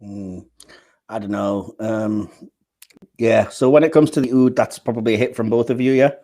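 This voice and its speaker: A man's voice: on the low side, fairly even intonation, normal speed, dark tone. A man hosting a podcast in casual chat, steering the segments with plenty of ums and hesitations. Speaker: host.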